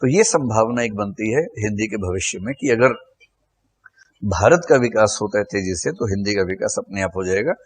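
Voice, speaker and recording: A man's voice: fairly low pitch, lively intonation, normal speed, slightly rough. A middle-aged man teaching a lecture class, explaining in a conversational way and asking rhetorical questions.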